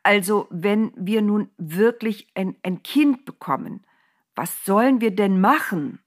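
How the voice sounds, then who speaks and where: A woman voicing a hesitant man who stammers slowly in a told Bible story. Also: low voice. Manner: stammering, slow. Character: halting, slow-witted man stammering.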